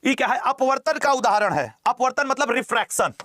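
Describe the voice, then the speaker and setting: Male exam coach, very high voice, dry close sound, jokey lecturing, repeats key terms. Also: sing-song, fairly quick, sharp tone, no room sound. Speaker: teacher.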